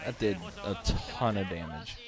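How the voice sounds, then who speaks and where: Sleepy low-voiced man commentating a game. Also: unhurried. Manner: easygoing, thinking aloud with many fillers. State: sleepy, yawning. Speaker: live streamer commentating matches. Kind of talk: casual fighting game commentary.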